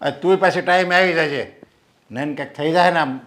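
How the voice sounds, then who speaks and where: A man's voice: on the high side, a little fast, a bit bright, natural voice. A man playing a scolding, anxious father. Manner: scolding, agitated. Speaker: worried father of the bride. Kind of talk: Gujarati film acting.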